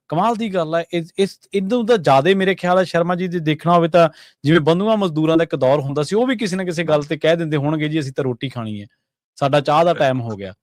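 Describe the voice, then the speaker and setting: A man's voice: fairly high pitch, darkish tone, no echo, studio quality. A man hosting a political talk show, murmuring agreement often and then moving the talk on. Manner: frequent short agreeing murmurs. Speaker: show host.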